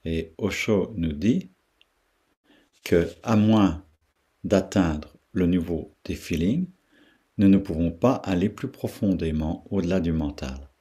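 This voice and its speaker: A deep-voiced man guides a meditation in an unhurried, pausing way. His voice is low and husky, and he often repeats sounds and words to let them sink in. He speaks with the calm patience of a teacher. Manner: slow, pausing, repeats syllables to demonstrate their sound.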